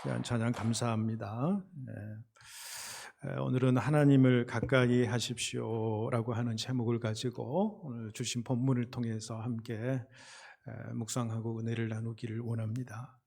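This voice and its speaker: Man preaching a measured sermon. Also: medium pitch, little pitch movement, vocal fry, darkish tone, breathy edge. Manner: measured preaching with many hesitation sounds, rising in emphasis. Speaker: pastor. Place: church sanctuary.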